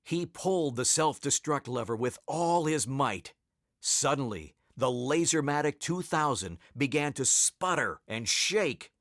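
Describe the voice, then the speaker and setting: A man narrating a children's storybook, playful and expressive, his pitch moving widely through each line. The recording is close and dry, with no room sound. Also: measured pace, no room sound.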